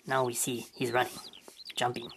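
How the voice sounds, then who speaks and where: A woman's voice: rumbling low, level tone, moderate pace, vocal fry, fairly bright tone, a little hiss or hum. A woman hosting a drawing tutorial, talking her way through a sketch and searching for words in English as she goes. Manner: thinking aloud while sketching.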